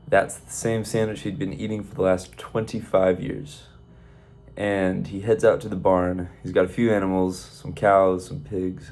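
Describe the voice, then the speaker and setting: A man's voice: low voice, creaky, darkish tone. A man telling a long, rambling shaggy-dog joke in a folksy storytelling manner, peppered with "by God". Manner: folksy, rambling, repeats 'by God'. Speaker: comedian.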